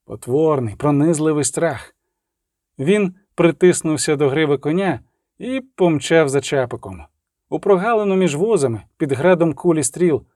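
A man's voice: on the high side, a little mellow, no echo, studio quality. Man narrating a dramatic audiobook.

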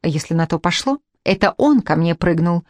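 A woman's voice: lowish voice, expressive, moderate pace, a little mellow, no echo, close to an everyday voice. A woman reading the part of a spiteful young second wife in an audiobook, taunting and cutting, in a dry recording. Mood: defiant.

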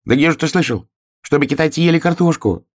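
A man voicing a naive, chatty little hedgehog in a storybook reading, raised and insistent, with a husky voice. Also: fairly high pitch, expressive, fast, voice pushed up, close to an everyday voice. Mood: excited.

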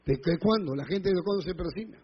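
A male pastor preaching a sermon with stories, rising to loud emphatic peaks. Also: high voice, brisk, a little hiss or hum. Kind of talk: sermon with anecdotes. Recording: muffled lo-fi hall recording.

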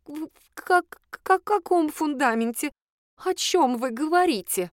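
A woman voicing a plump, nosy female accountant who speaks in a shrill, flustered and indignant way. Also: lively intonation, normal speed, no room sound, clean studio sound. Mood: frightened.

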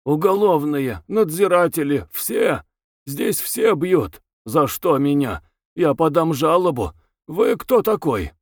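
A man voicing a frantic, beaten male prisoner who wheezes hoarsely and cries out in shrill, hiccupping bursts. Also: lively intonation, slow pace, no room sound, clean studio sound. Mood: pleading.

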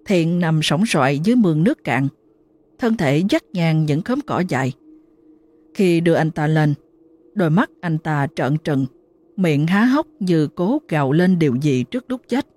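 A woman narrating a ghost story in a dramatic, expressive way. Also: sits low, moderate pace, no echo.

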